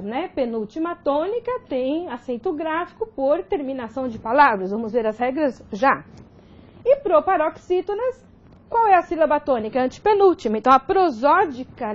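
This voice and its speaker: A woman's voice: sits high, a little mellow, lo-fi sound. A woman teaching grammar in a recorded video lesson, explaining step by step and checking in with frequent "ok?".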